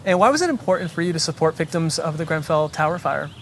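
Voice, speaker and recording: An interviewer runs through quick questions with short, upbeat reactions between them. The voice sits at a middle pitch, with a faint hiss of noise in the background. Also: animated, a bit bright. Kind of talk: rapid-fire interview questions.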